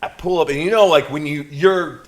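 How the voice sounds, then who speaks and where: Talking fairly quickly in a fairly high voice, this podcast co-host, also a promoter, spins crude tales and ribs his partner. The chat is casual, and he tells it all with animated, teasing energy.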